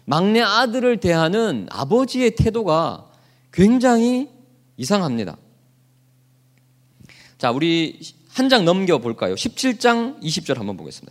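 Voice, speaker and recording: A man preaching as a pastor, asking his congregation questions and leading them in reading aloud together. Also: sits high. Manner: asks the congregation questions and leads group readings; acts out quoted lines. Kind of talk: sermon.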